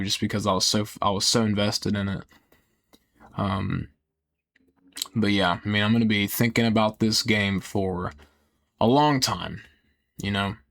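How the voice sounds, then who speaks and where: A young man talking casually and earnestly in a rambling, halting way that often trails off, with some casual swearing. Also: on the low side, fairly bright tone. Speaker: video creator. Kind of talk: casual rambling personal talk.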